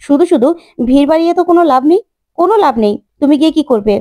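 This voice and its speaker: A woman voicing a practical young sister-in-law calming the family. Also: high voice, rapid-fire. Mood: soothing. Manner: soothing, pleading.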